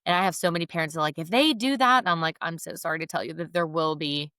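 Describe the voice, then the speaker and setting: Low-voiced upbeat woman giving advice. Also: little pitch movement, very fast, sharp tone, no room sound, studio quality. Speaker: podcast co-host, wedding planner. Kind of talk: casual chat.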